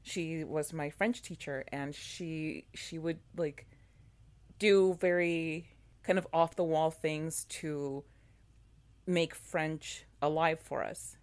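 Chatty low-voiced woman. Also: takes it slowly. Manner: animated, many fillers and restarts. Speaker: podcast co-host. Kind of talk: casual chat about a TV show.

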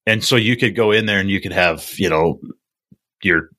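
A man with a low but bright, forceful voice talks casually like a tradesman on a podcast. He rambles through his stories haltingly, with plenty of filler words. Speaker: plumber and podcast host. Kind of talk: casual chat.

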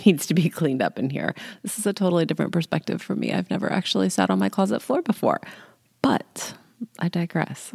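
A woman's voice: lowish voice, vocal fry, dry recording, studio quality. A woman in her late forties hosting a solo podcast, chatting casually and informally into a handheld microphone in a small closet. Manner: chatty, informal, self-deprecating. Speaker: podcast host and life coach. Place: small closet at home, sitting on the floor. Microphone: handheld microphone without pop filter.

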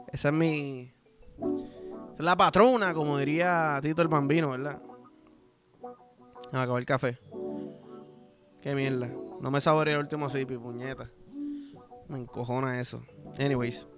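A man in his thirties with a Puerto Rican accent, hosting a podcast and telling crude jokes in casual solo chat. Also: a little high. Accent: Puerto Rican Spanish. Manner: crude, joking, animated storytelling. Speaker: podcast host.

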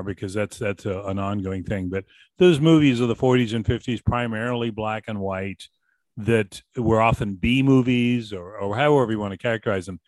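A man from Boston hosting an interview, asking long, halting questions full of restarts. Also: fairly low pitch, dry recording. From Boston, USA. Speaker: radio host.

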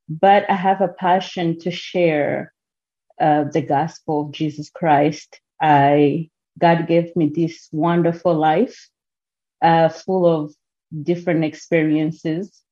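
A Rwandan woman in her forties, her voice low, husky and mellow, shares a personal testimony as a podcast guest. She speaks earnestly and measuredly, pausing often, on a muffled lo-fi recording.

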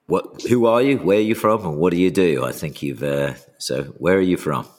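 A man hosting a podcast. He reads a scripted intro, then interviews his guest casually, with plain and measured delivery. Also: low voice, darkish tone. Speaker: podcast host.

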